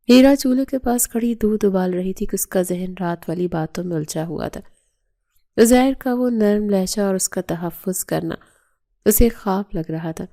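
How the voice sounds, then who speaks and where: Woman, narrator, bedtime novel reading, steady storytelling, mellow warm voice. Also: mid-range voice, vocal fry.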